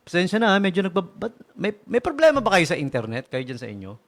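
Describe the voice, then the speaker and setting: A man's voice: high voice, huge pitch swings, a little fast. A man hosting a radio show in casual talk, joking, laughing often and firing rhetorical questions at his listeners from the station studio.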